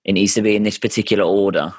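A man's voice: on the low side, fairly even intonation, racing, darkish tone, breathy edge. A man in his thirties hosting a casual family chat, earnest and often restarting his sentences. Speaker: podcast host.

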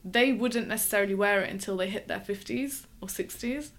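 A woman, a wedding dress designer talking as a guest in a relaxed interview, thoughtful, with frequent ums. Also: mid-range voice, brisk. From England. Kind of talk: conversational interview.

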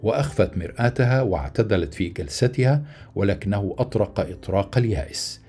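A man narrating a literary short story in a measured, formal way. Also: fairly low pitch, animated, mellow, breathy edge.

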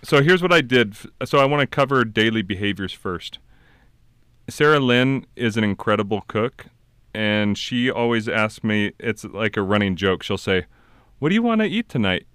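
A man hosting a casual podcast, talking in a smooth late-night radio DJ voice, relaxed and explaining at length. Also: fairly low pitch, moderate pace, no room sound, clean studio sound. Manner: relaxed, talks in long explanations with fillers and restarts. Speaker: podcast host and class instructor.

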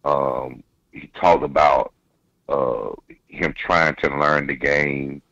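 Deep-voiced man over the phone. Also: fairly even intonation, vocal fry, fairly bright tone, dry recording. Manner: halting, repeats words while building a point. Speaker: caller, football coach. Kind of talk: casual sports chat. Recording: dull dry phone line.

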